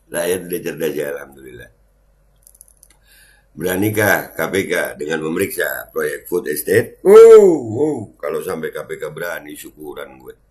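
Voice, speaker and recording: A man's voice: extremely low pitch, very animated, a little slow, pauses often, a little mellow. A middle-aged man, hosting a casual reaction commentary in a mocking, chatty way with his audience. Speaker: host.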